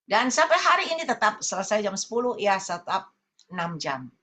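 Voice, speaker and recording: A woman evangelist preaching a sermon over a video call, swinging between loud emphasis and low asides. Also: sing-song, moderate pace. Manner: addresses listeners as brothers and sisters often.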